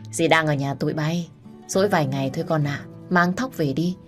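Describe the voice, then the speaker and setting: Affectionate older aunt, low and homely, gently scolding, read by a woman narrator. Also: fairly quick, soft background music, lightly acted. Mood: fond. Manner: warm, chiding, familiar.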